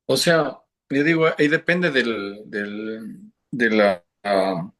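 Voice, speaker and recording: A man's voice: on the low side, takes it slowly, fairly bright tone. A man student answering in an online class, hesitant and stammering with many fillers. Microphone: video call.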